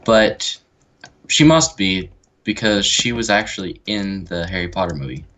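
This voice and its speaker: Easygoing man with a very deep voice, unhurried game chat, faint hiss behind. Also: a bit bright. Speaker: game co-host. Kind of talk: casual gameplay chat.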